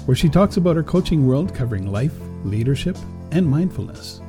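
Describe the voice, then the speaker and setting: A man's voice: medium pitch, warm tone. A man co-hosting a podcast, delivering a sign-off announcement. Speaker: podcast co-host. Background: plucked guitar music.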